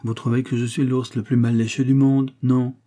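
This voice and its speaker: A man's voice: mid-range voice, little pitch movement, moderate pace, mellow, close to an everyday voice. A man reading an audiobook voicing an effusive, evasive aristocratic lord who chatters jovially and talks over others. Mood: breezy jovial.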